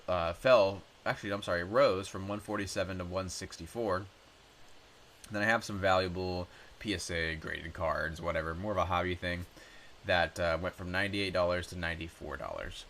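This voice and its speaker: His voice is low and raspy with a cold, yet bright and forward: a personal finance YouTuber in his twenties, casually sharing his screen and chatting through his numbers. He's relaxed, with lots of ums and little corrections, and a faint hiss underlies the track.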